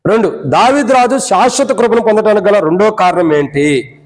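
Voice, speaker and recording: A man with a Telugu accent preaching a sermon in a prayer hall. He fires rhetorical questions at the congregation, then drops to low, quiet asides. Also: normal speed. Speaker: pastor.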